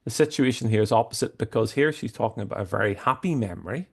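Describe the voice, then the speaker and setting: A man presenting a screen-share tutorial, explaining things in a halting way with frequent restarts. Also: on the low side, animated, gravelly, breathy edge. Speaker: software demo presenter.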